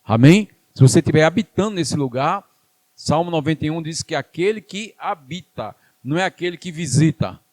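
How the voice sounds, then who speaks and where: A man's voice: fairly high pitch, a little mellow, no echo. A man with a Brazilian Portuguese accent preaching a sermon in church, emphatic and repetitive, calling the congregation to answer back. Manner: emphatic call-and-response preaching, repeating phrases.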